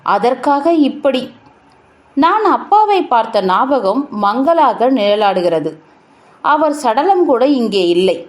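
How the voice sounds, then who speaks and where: Woman storyteller, high and animated voice, slow sorrowful short-story reading. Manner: unhurried, sorrowful storytelling with emphatic pauses.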